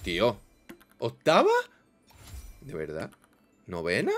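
Young guy from doing game commentary, lowish voice, fake-despairing then yelling happy. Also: slow pace, faint music behind. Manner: dramatic, swings between mock despair and loud excitement. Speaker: gaming YouTuber. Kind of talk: casual gameplay commentary.

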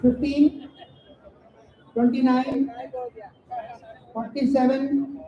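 Bingo caller: Indian man, very high voice, announcing numbers digit by digit over an echoey event PA. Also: flat delivery, very slow, lo-fi sound, a faint crowd. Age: middle-aged. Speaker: bingo caller at a Diwali party. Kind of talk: bingo calling over a microphone, drawn-out numbers and rhyming nicknames. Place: outdoor evening party in front of a stage. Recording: echoey event PA with loud music behind.

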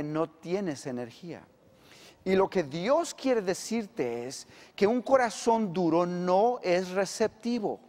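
A man's voice: sits high, in a large hall. Emphatic male pastor. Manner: emphatic preaching, swings between loud and hushed. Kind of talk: sermon.

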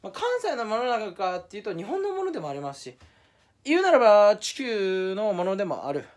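A man's voice: high-pitched, wildly swooping pitch, brisk. A young man talking casually to camera in a solo vlog, rambling and self-mocking, slipping into mock Kansai dialect for fun. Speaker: YouTuber.

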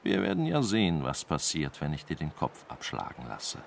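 Brief: cruel robot king in a radio play, sneering and lively, read by a man. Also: a bass voice, normal speed, gravelly, slight background noise, heavily acted. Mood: scornful. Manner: haughty, cold and scornful.

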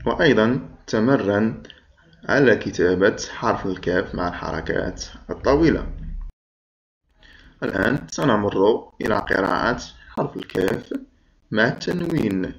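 A man teaching first-graders to read, sounding out syllables patiently and pausing for them to repeat. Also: on the low side, lively intonation, gravelly. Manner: patient, drawn-out, repeats sounds for pupils to echo. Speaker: primary school teacher. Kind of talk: slow syllable-by-syllable reading lesson. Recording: dull lo-fi recording.

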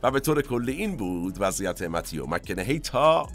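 A man's voice: on the low side, big pitch swings, soft background music. A man hosting a cinema history podcast, telling stories in a conversational way with asides to his listeners. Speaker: podcast host.

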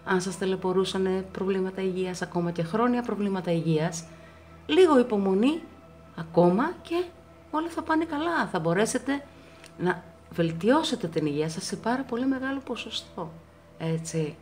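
A woman giving a pick-a-card tarot reading to her viewers, reassuring them and repeating words for emphasis, her pitch swinging up often. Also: lively intonation, darkish tone, faint music behind.

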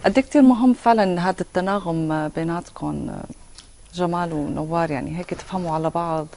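A woman's voice: lowish voice, quick pace, mellow. A young Syrian woman hosting a chatty television studio interview. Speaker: TV host. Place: TV studio, seated on sofa.

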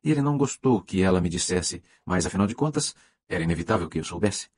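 A man reading the part of a fussy elderly male detective who speaks calmly and precisely in an audiobook. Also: sits low, fast talker, no echo. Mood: polite. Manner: calm, precise, courteous.

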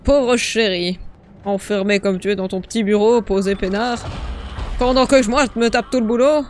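A man's voice: high voice, steady tone, fairly quick, slight background noise. A man giving comedic in-character commentary on a horror game playthrough, sarcastic, crude and boastful. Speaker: gamer narrating a parody playthrough in character.

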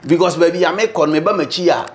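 A middle-aged Ghanaian man, a bishop, talking as an interview guest in a room, mixing English and Twi, animated and preacherly. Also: fairly high pitch, fast talker. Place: indoor living room, seated on sofa.

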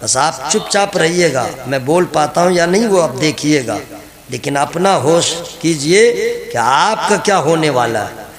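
A man preaching a lively, humorous sermon to a gathering, addressing the crowd directly. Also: on the high side, unhurried, reverberant.

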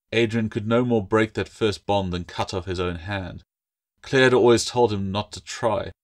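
A man, the author, reading his own fantasy novel aloud in steady, measured audiobook narration. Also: fairly low pitch.

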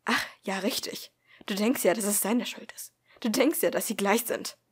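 Woman playing a blonde schoolgirl, protective, sharp, scolding, husky voice, mid pitch. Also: fairly even intonation, normal speed. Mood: angry.

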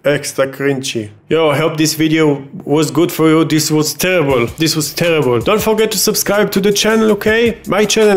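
Male reaction host, higher-set voice, sardonic and dismissive, casual delivery, close studio mic. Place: small home room. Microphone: close studio mic on boom arm.

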